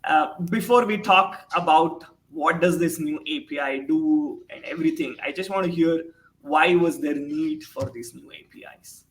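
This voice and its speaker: A man's voice: a little high, moderate pace, low-quality recording. A man in his forties hosting a live product show over a video call, enthusiastic but hesitant and full of fillers. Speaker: host.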